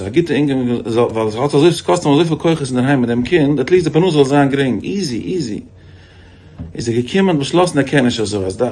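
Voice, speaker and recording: A man, a rabbi, giving a storytelling sermon on faith, restarting phrases often and jumping his voice up for quoted people. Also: mid-range voice. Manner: animated, many repeated restarts, voice jumps up for quoted lines.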